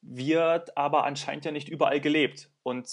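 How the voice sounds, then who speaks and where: A man's voice: fairly high pitch, steady tone, normal speed. A man hosting an interview podcast who asks questions hesitantly with many fillers. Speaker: podcast host. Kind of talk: interviewing, conversational.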